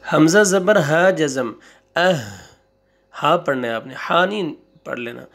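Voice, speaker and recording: A man teaching Quran reading, spelling out syllables slowly one by one, repeating them and correcting wrong readings. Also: on the high side, lively intonation, creaky, fairly bright tone. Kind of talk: slow spelling-out recitation lesson.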